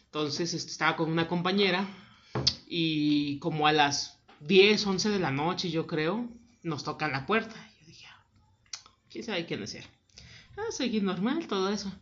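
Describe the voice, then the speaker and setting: A young woman with a Mexican accent telling a scary anecdote in casual chat, acting out the voices in her story. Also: unhurried. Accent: Mexican Spanish. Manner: animated storyteller, acts out quotes with big pitch jumps. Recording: dull lo-fi audio.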